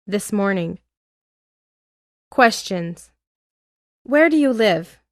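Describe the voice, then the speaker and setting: Slow, clear woman teaching English. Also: mid-range voice, animated, no room sound, clean studio sound. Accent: American. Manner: clear, deliberate drill reading. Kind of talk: slow scripted lesson reading.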